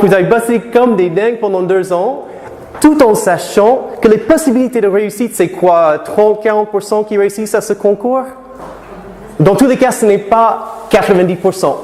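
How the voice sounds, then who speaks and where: There's a little hiss or hum under this man's high, slightly mellow voice. He is a middle-aged American lecturer and native English speaker, giving a live conference talk to students in an echoey hall with long reverb. He often quizzes the audience and restarts his phrases.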